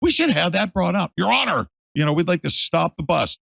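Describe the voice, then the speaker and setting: A male host in a casual interview, emphatic and animated, swinging from loud to hushed. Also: high voice, a little fast, gravelly, breathy edge, dry recording.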